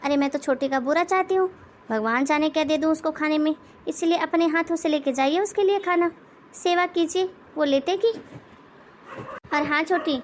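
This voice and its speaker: A woman voicing an outspoken elder daughter-in-law in an animated moral story, lecturing and sarcastic. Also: sits high, moderate pace, slight background noise, natural voice.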